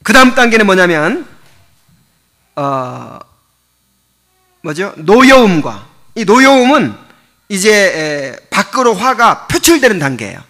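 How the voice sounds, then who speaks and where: Male pastor, high animated voice, chatty teaching sermon full of rhetorical questions. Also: slow, long pauses. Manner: conversational, explains step by step with rhetorical questions; chuckles often while teaching.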